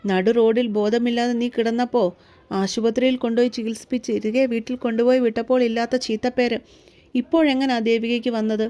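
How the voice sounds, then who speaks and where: A woman voicing a hot-tempered, protective young man in a read-aloud story, shouting in anger and cooing softly to a child. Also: fairly high pitch, fairly even intonation, fast, close to an everyday voice. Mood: angry. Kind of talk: audiobook story reading.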